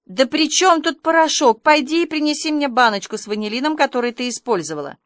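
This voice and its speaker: A woman voicing a stern but fair older spinster in an audiobook reading, brisk and scolding. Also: high voice, animated, dry recording, studio quality, voice pushed up. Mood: alarmed scolding.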